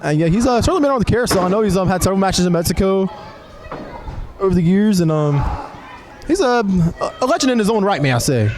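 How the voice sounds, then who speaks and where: A man with a high voice calls lucha libre as a live announcer. His commentary is conversational and a little halting, dotted with admiring exclamations. A crowd is clearly heard behind him. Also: big pitch swings, a little mellow. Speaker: wrestling commentator. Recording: live event recording with crowd noise. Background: wrestling crowd.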